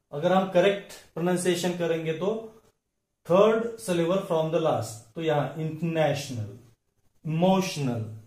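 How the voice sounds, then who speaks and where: Slow, careful male teacher in an echoey room. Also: fairly high pitch, darkish tone. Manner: slow and deliberate, spells words out letter by letter. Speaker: English pronunciation teacher. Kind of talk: slow explanatory lesson.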